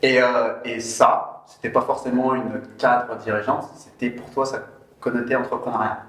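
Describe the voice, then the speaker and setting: A man's voice: mid-range voice, flat delivery, a bit bright, echoey room. A man hosting a casual interview, asking questions with lots of fillers, restarts and little laughs. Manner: hesitant, many fillers and restarts, quick laughs. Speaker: interview host.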